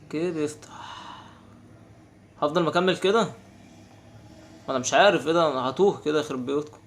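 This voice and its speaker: A young man with an Egyptian Arabic accent giving casual, exasperated commentary while playing a game. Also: fairly high pitch. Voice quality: quick, animated, exasperated banter. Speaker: gaming channel host.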